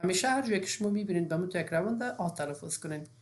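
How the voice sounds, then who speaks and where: A woman's voice: fairly low pitch, lively intonation. A woman, teaching an English phonics lesson step by step with frequent fillers.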